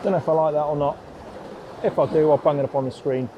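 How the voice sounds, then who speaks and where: A man's voice: a little high, steady tone, fast talker, muffled recording, noisy background. A man chatting casually as a landscape photographer, rambling in a down-to-earth way while outdoors on a coastal headland. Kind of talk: casual vlog chat.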